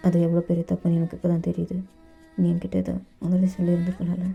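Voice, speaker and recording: A tender, protective young man, as a woman acts him out for an audio story, speaking softly and reassuringly with a gravelly edge. The sound is dull and lo-fi, with faint music behind. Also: lowish voice, completely flat delivery, rapid-fire. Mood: soothing. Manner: soothing, reassuring, hushed.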